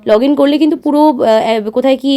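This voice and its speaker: A woman's voice: high-pitched, quick pace, mellow. A woman, talking viewers through a booking in a chatty travel vlog voice-over. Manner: chatty, instructive, addresses viewers directly. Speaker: travel vlogger. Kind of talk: explanatory voice-over.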